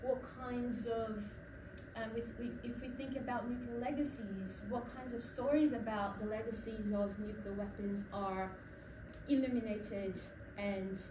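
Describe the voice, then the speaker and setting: This young Brazilian woman, an academic presenting at a conference, speaks in a steady, slightly high voice with a Brazilian accent shaded by New Zealand vowels. She frequently stops on ums and starts over as she narrates her story. Recorded far from the mic in an echoey lecture room, she's heard against background noise.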